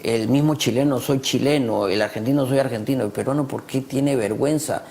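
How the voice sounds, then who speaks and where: A man from Peru, appearing as a guest on a talk show, speaks a little fast in a medium-pitched, slightly mellow voice with a Peruvian Spanish accent. Emphatic and proud, he repeats phrases to hammer his points home in a passionate discussion, with a faint hiss or hum in the background.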